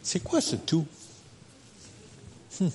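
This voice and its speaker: A man preaching a sermon as pastor, animated and emphatic, with joking asides. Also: drawn-out words, a little hiss or hum.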